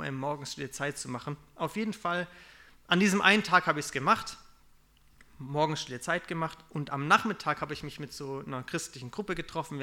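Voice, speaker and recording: A young man preaching in a relaxed, conversational way, confessing his own failings and acting out what people say. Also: a little high. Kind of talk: casual sermon.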